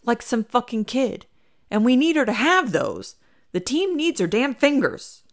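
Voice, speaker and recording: A woman reading a gruff, exasperated head chef. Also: medium pitch, animated, unhurried. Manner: huffy, swearing, exasperated.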